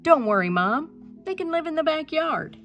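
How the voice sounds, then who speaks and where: A woman voicing an excited, pleading young boy in a read-aloud storybook. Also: high voice, normal speed, lo-fi sound, soft background music, pitched above the performer's own voice. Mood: hopeful. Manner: eager, exclamatory.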